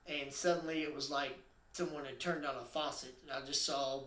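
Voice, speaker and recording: A man's voice: fairly high pitch, steady tone, moderate pace, pushed and bright, echoey room. A man earnestly recounting his own accident as a personal testimony, building suspense with emphatic stresses.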